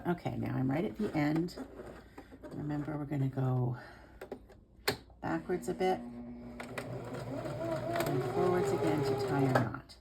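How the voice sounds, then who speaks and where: A woman giving a step-by-step hands-on tutorial as an instructor, speaking in a careful, unhurried, informal and reassuring way. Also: sits low, gravelly. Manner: careful, unhurried, explaining each small step. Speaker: sewing instructor. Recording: some background noise.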